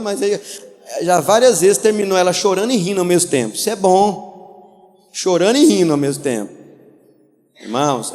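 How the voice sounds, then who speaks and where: Animated high-voiced pastor in a hall. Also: male voice. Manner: animated storytelling, acts out voices, laughs. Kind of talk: lively sermon with anecdotes.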